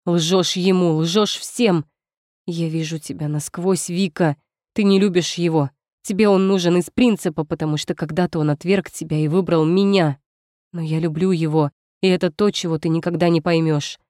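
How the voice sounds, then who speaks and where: A woman's voice: on the low side, fairly even intonation, moderate pace, dry recording, clean studio sound, lightly acted. A woman voicing a fierce, defiant young heroine in a first-person story, speaking with barely held fury. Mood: furious. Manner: furious, forceful.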